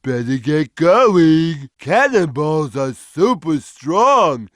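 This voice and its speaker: A man voicing a big, gentle, slow-witted cat in a video game, with a simple, childlike, drawn-out delivery. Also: a little high, sing-song, no echo, heavily acted. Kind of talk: video game character voice lines.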